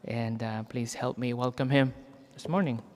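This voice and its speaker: A man's voice: medium pitch, fairly even intonation, moderate pace, darkish tone. A man acting as host, introducing a guest speaker and giving announcements in a chatty, joking way with many fillers. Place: large echoey church. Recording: long hall reverb in a church.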